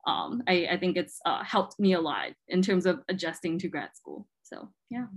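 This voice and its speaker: A woman's voice: on the low side, expressive, normal speed. Chatty young woman from Malaysia. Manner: chatty, many "um" fillers. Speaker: podcast guest, graduate student. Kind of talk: casual interview talk. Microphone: video call.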